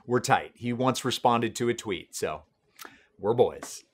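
A man's voice: medium pitch, lively intonation, a little slow, husky. A man in his thirties hosting a scripted comedy show, sarcastic and mock-boastful. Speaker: comedy web show host.

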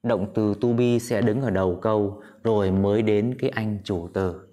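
A man teaching an English grammar lesson at a whiteboard, patient, often asking his students questions and repeating examples slowly. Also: lowish voice, fairly even intonation, dark tone.

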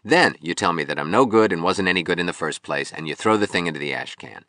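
A man's voice: deep voice, big pitch swings, brisk, sharp tone, no echo, studio quality, heavily acted. A man voicing a bitter, drunk young male sculptor in an audiobook, with a hard, impatient, belligerent voice. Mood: swaggering, bitter. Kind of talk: audiobook reading.

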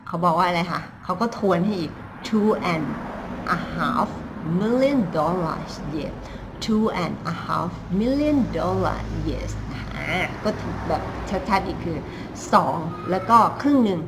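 A woman teaching English pronunciation, explaining in Thai and repeating English phrases slowly and carefully. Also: on the low side, noisy background.

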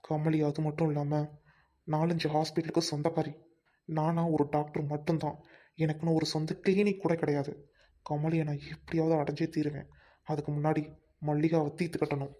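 A man playing a scheming greedy doctor, flat and dark. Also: fairly high pitch, normal speed, natural voice. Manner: plotting asides, muttered. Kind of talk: amateur Tamil family drama acting.

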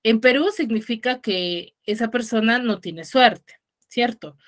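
With a fairly high pitch and an unhurried delivery, a Peruvian woman from Huaraz teaches her secondary school students online. Over the video call, her Huaraz Spanish accent is clear as she explains the lesson and keeps checking with the class.

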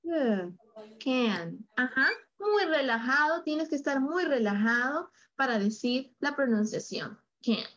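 A woman teaching an English class over a video call, switching between Spanish and English and repeating words slowly for her student. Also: sits high, lively intonation, fairly bright tone, lo-fi sound. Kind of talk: online English lesson.

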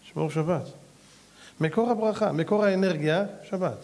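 A man giving an impassioned rabbi's lecture, telling stories and pleading with his listeners, swinging from low earnest tones to high shouted exclamations. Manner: addresses the audience directly as "gentlemen" and "brother". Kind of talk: animated Torah lecture with storytelling.

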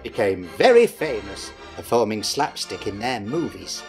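A middle-aged British man delivers scripted explainer narration like a playful, over-the-top pantomime dame, his pitch leaping and swooping everywhere. He's in a small dressing room at desk distance from the camera, faint music playing behind.

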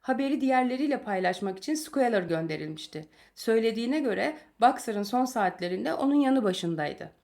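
A woman narrating a novel chapter aloud in a calm, measured storytelling manner. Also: fairly high pitch. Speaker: audiobook narrator.

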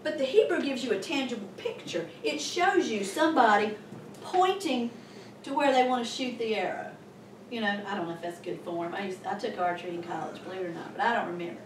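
A woman pastor preaching a sermon in a church, animated and emphatic with sudden loud bursts. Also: fairly high pitch, fairly quick, a little hiss or hum. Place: church sanctuary. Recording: echoey room from a distant mic.

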